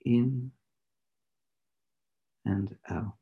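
A man teaching meditation in deliberate, measured phrases, in the instructive style of a spiritual lecture and guided practice. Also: mid-range voice, steady tone, phone-quality sound.

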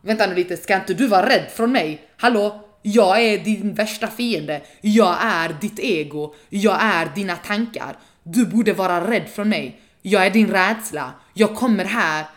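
A woman's voice: mid-range voice, hardly any pauses, natural voice. A woman voicing her own panic anxiety as a boastful, taunting enemy that wants her to be afraid. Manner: mocking, indignant taunts.

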